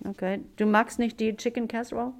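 A German woman who teaches German hosts a classroom podcast, slowly posing simple questions packed with fillers. Her voice sits on the high side, and her delivery is flat.

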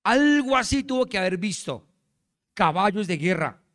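A male pastor preaching a sermon in a lively, playful way, often asking the congregation questions. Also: sits high, normal speed.

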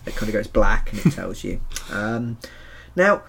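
A man's voice: on the low side, big pitch swings, a little slow, creaky, fairly bright tone, slight background noise. A man co-hosting a podcast, chatting casually about a video game in a rambling, joking way with many fillers. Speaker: podcast co-host.

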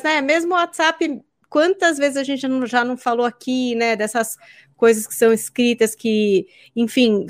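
A woman with a Brazilian accent chats on a podcast in a fairly high voice, telling everyday stories and playing out small bits of dialogue. The sound is dry and close, with no room around it. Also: no echo. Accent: Brazilian Portuguese. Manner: chatty, storytelling, acts out little quoted exchanges. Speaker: podcast co-host, presenter. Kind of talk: casual podcast chat.

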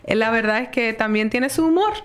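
Clear-voiced Dominican woman hosting a podcast. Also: a little high, lively intonation, fairly quick, a bit bright. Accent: Caribbean Spanish, Dominican. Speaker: podcast host. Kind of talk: casual podcast chat.

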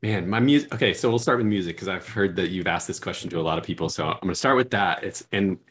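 A man chatting casually as a podcast guest, relaxed and rambling. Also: on the low side. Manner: relaxed, rambling, self-deprecating. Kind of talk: casual interview chat.

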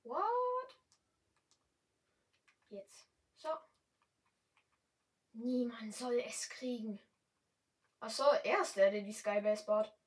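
A young woman speaking standard German, chatting casually and excitably while commentating her gameplay. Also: fairly high pitch, slow, long pauses, recorded from a distance, poor audio. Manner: chatty, excitable, yelps and exclaims often. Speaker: gamer streamer.

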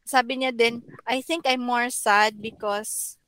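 A woman's voice: a little high, fairly even intonation, takes it slowly, a bit bright, clear, resonant tone, dry recording. A woman co-hosting a podcast in casual chat, mixing English phrases into her talk. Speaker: podcast co-host.

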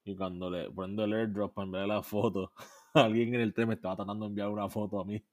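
A man co-hosting a laid-back podcast, with a lowish voice. He tells stories in a loose, profane way and slips into English now and then. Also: little pitch movement, fast talker. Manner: profane storytelling, mixing in English phrases. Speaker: podcast co-host. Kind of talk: casual chat.

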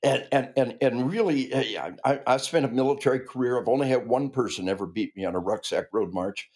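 In a conversational podcast interview, a man in his sixties, a retired army officer who grew up in the American Midwest, speaks briskly with a mid-range, slightly mellow voice. His delivery is earnest and emphatic, marked by frequent restarts.

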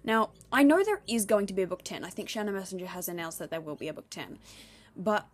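A young woman hosting a casual solo podcast, rambling and chatty, talking fast and laughing often. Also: mid-range voice, expressive, a little hiss or hum. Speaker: podcast host.

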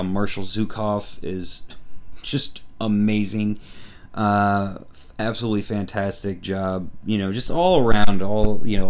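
A man giving a casual, rambling film review, enthusiastic and full of fillers and restarts. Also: deep voice.

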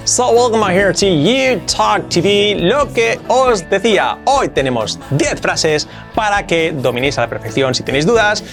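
Man, Spain Spanish accent, English teacher, animated pitch, emphatic, repeats examples, light music behind. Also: measured pace, few pauses. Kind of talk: video lesson for Spanish speakers.

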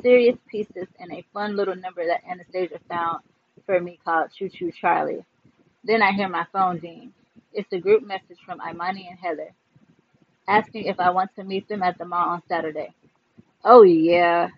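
A man's voice: high voice, fairly even intonation, moderate pace, highs cut off. A man reading a novel aloud to his listeners, chapter by chapter, with casual asides. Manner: warm sign-off, casual asides. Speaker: book reader.

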